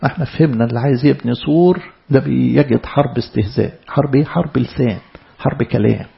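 A man's voice: mid-range voice, fast, creaky, highs cut off. A man with an Egyptian accent preaching a sermon to church servants, emphatic, often repeating and stumbling over words. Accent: Egyptian Arabic.

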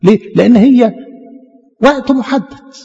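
A man's voice: very high-pitched, a little slow, gravelly, dark tone, breathy edge. A man with an Egyptian Arabic accent preaching a sermon as a priest, impassioned and full of rhetorical questions. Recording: dull sound with long hall reverb.

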